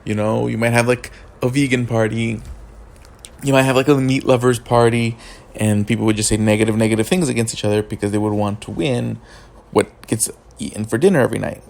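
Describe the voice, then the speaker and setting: Groggy, slightly creaky male political commentator. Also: medium pitch, steady tone, fairly quick, darkish tone. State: groggy, just woke up. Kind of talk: casual unscripted political commentary.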